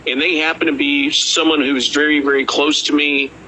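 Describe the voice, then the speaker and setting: A male interview guest talks casually in a bright, slightly high voice. He is in a kitchen with faint room noise behind him. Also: level tone, brisk, rough recording.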